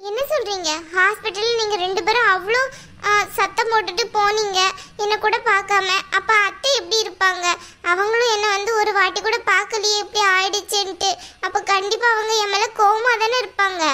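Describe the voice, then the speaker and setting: A woman voicing a gentle young wife who pleads softly in a cartoon. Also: extremely high pitch, steady tone, brisk. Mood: pleading. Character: gentle young wife, hurt but hopeful. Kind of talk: cartoon voice acting.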